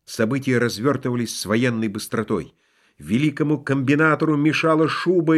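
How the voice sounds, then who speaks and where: Expressive male audiobook narrator. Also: mid-range voice. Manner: expressive, lively storytelling.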